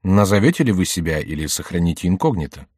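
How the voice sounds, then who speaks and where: A man's voice: deep voice, animated, quick pace, darkish tone, slightly rough, no echo, studio quality, pitched below the performer's own voice. A man voicing a cautious, deferential male servant of a duke.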